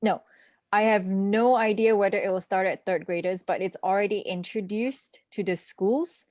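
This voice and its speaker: Her voice medium-pitched and a little mellow, a talkative young Malaysian assistant language teacher speaks at a normal speed in an informal online conference session. She fills her speech with fillers and little laughs, and the studio recording is clean and dry.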